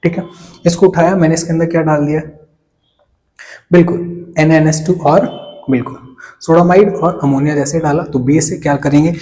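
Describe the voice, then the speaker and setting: Casting: young male chemistry tutor, a bit high-pitched, mellow tone, quizzes the class and answers himself. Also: steady tone, moderate pace, long pauses, poor audio. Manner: asks questions to the class and answers them, with playful asides. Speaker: chemistry teacher. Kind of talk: whiteboard lecture.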